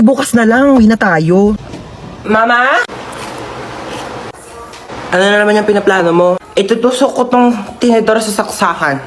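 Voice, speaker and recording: A woman acting out comic family skits, playing every role herself and switching quickly between characters, with bursts of shrieks and laughter. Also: high-pitched, slight background noise. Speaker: comedy skit performer. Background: music.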